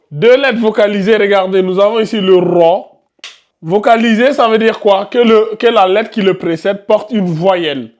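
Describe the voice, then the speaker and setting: A man teaching Quran recitation rules to a live class, quizzing his students and repeating the key terms. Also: sits high. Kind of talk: live classroom tajwid lesson.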